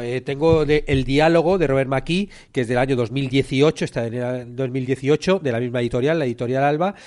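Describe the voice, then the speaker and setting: Male podcast host, casual solo talk, rambling, lots of fillers. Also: medium pitch. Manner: rambling, repeats words and fills with eh and ¿no?.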